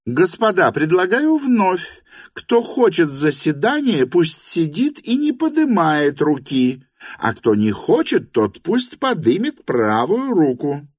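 A man's voice: on the high side, very animated, slow, no room sound, voice pushed up, heavily acted. A bossy, suspicious lady of the house, commanding and easily indignant, voiced by a man reading an audiobook. Her voice sits well above a male reader's own and leaps about wildly. The sound is dry and close. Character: bossy middle-aged hostess, insistent and suspicious.

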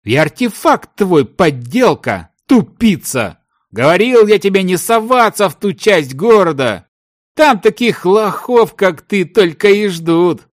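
A man voicing a grumpy desert merchant who loudly scolds his partner. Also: on the high side, huge pitch swings, moderate pace, voice pushed up. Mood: angry scolding. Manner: loud, shouting, mocking.

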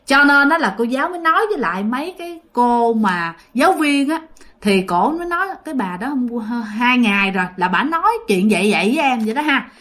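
A woman's voice: on the high side, animated, a little fast, a bit bright. Gender: woman. Role: chatty ghost story narrator. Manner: chatty, addresses listeners directly.

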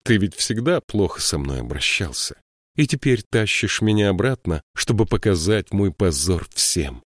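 A man voicing a proud, furious young woman who pleads and shouts in a raised voice. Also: lowish voice, big pitch swings, normal speed, no room sound, studio quality. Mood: bitter reproach.

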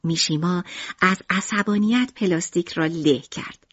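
A woman narrating an audiobook in an expressive storytelling manner. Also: on the low side, breathy edge. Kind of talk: scripted narration. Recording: dull lo-fi audiobook recording.

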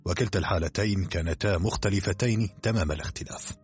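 A man's voice: deep voice, fast talker, faint music behind, natural voice. A man voicing a curt, rational expedition doctor who trusts only science. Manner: curt, matter-of-fact.

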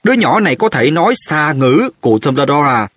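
Man doing a husky, shrill, blustering minister. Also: big pitch swings, fairly quick, fairly bright tone, dry recording, clean studio sound, exaggerated voice. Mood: pleading. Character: indignant stubborn middle-aged male minister.

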